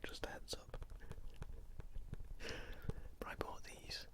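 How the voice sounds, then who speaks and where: A person whispering closely from ear to ear in ASMR style, chatting in a rambling way about a personal collection. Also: slow. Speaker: ASMR video host showing a game collection.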